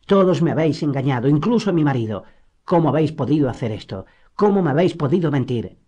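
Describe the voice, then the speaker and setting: A man's voice: mid-range voice, moderate pace, dark tone, close to an everyday voice. A man voicing a fierce, proud young noblewoman in an audiobook, speaking indignantly with a raised voice. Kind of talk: audiobook character reading.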